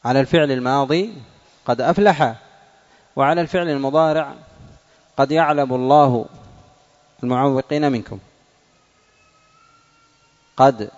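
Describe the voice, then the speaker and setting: A man's voice: mid-range voice, in a large hall, highs cut off. A male teacher giving a classroom grammar lesson, quizzing pupils and repeating their answers.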